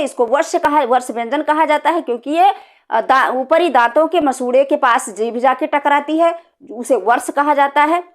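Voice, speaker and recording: Woman, high-pitched, Hindi teacher, exam-prep grammar lesson, step-by-step explaining, repeats key terms.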